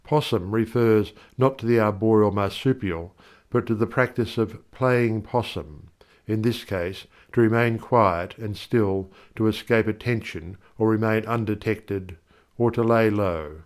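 A man reading a measured, explanatory introduction to a book of verse. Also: lowish voice. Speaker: audiobook reader.

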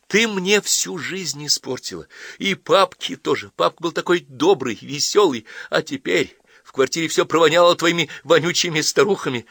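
A man reading an audiobook voices an angry, tearful teenage girl in high, shrill outbursts. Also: lively intonation, brisk, bright, forceful tone, dry recording, studio quality. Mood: upset, tearful.

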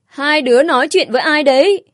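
A woman's voice: high-pitched, brisk, dry recording, studio quality, voice pushed up. A woman voicing another woman who calls the children in from inside a house. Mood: calling out. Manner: calling out loudly.

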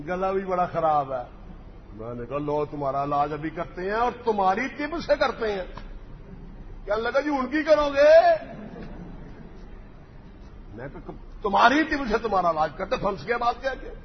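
A man delivers a sermon in a high voice, mocking and fiery as he plays out both sides of the conversations in his stories. The recording is dull and lo-fi, with a long hall reverb and faint background noise. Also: lively intonation. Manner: mocking, impassioned, acts out dialogue. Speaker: preacher. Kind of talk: sermon with storytelling.

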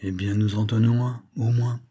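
A man's voice: lowish voice, little pitch movement, moderate pace, warm tone, dry recording, natural voice. A man voicing a startled old English lord in an audiobook, talking in blustering, commanding exclamations.

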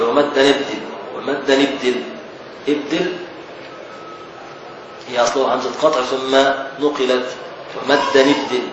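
A man with an Egyptian accent teaching a classical text as a sheikh, explaining slowly, repeating key words and questioning his students. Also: mid-range voice, lo-fi sound. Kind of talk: Islamic scholarly lesson. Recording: echoey distant recording with noise.

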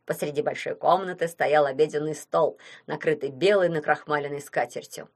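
A woman narrating a children's storybook in an expressive way. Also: deep voice, normal speed. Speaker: reader.

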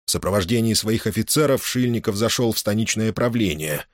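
A man narrating a novel as an audiobook in a steady, expressive reading. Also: fairly low pitch, fairly quick, no room sound, clean studio sound.

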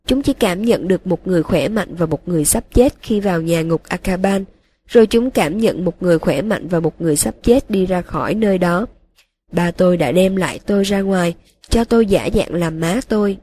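A woman voicing a broken young male wizard who confesses in a flat, emotionless monotone, in an audiobook reading. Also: on the low side, husky.

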